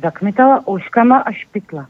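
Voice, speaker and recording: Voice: medium pitch, dry recording. Storyteller reading a fairy tale over the phone. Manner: lively animated storytelling. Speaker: guest author reading a children's story. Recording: tinny phone line.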